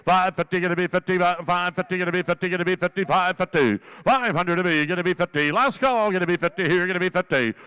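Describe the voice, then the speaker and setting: A man working as an auctioneer, calling bids in a rapid, rolling chant with repeated filler phrases between the numbers. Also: high-pitched, pushed and bright, clean tone.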